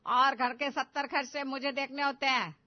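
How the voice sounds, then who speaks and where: A woman voicing a stern, stingy older mother-in-law in an animated story, talking in a bossy, scolding way. The sound is dull and lo-fi. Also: on the high side, normal speed, dry recording. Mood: smug.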